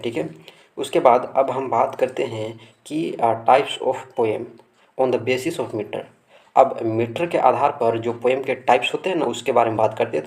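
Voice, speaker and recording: A man at a middle pitch, teaching a lesson. He reads definitions slowly and deliberately, then explains them more quickly. Fillers and checks on whether the students follow come up often. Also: a little mellow. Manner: frequent fillers and tag checks. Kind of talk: classroom lecture.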